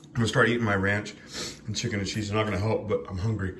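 A man's voice: lowish voice, flat delivery, fast talker, fairly bright tone, a little hiss or hum. A man co-hosting a casual pepper-eating vlog, drawling and suffering from a very hot pepper. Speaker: co-host of a pepper eating channel. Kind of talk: casual chat.

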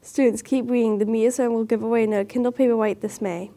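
Teenage girl, student news anchor, high voice, soft mellow tone, reading scripted school announcements. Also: fairly even intonation, fast talker. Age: teens. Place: school TV studio.

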